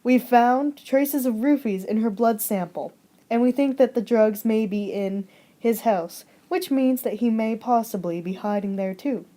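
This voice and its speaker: A stiff, by-the-book police officer, as a young woman puts him on reads out charges in formal legal wording. The delivery sits low and stilted, reading word by word rather than acting, for a homemade story project. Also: unhurried, warm tone, lightly acted.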